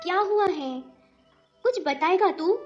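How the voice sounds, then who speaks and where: Woman voicing a bossy best friend for an audio drama, very high voice, muffled lo-fi sound. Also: expressive, takes it slowly, faint music behind, heavily acted. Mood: shocked. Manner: blunt, informal. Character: outspoken young female friend, bossy and caring. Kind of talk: Hindi audio drama acting.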